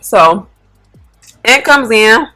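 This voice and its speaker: A woman's voice: a little high, very slow, faint music behind. Laid-back woman telling a story while eating. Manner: relaxed, slangy retelling with frequent fillers. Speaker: mukbang channel host.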